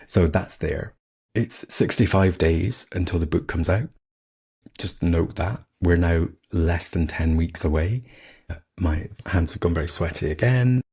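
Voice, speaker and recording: Middle-aged male podcast host, faded Scottish accent, husky and very low, chatty and self-deprecating. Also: measured pace, darkish tone. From Scotland. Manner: candid, self-mocking, chatty. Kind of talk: casual solo podcast chat.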